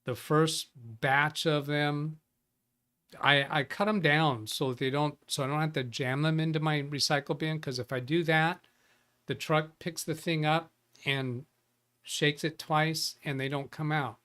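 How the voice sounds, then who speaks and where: A man's voice: on the high side, fairly even intonation, a little slow, bright, forceful tone. Chatty man hosting a tech livestream. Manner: chatty, greets viewers by name, restarts sentences. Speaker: livestream tech show host. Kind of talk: casual live-stream chat.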